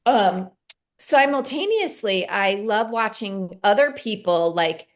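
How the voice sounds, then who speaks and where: A woman's voice: mid-range voice, very animated, slow pace. Woman cohost chatting casually, swears a lot, acts out her own thoughts. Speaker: co-host. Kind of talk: casual chat.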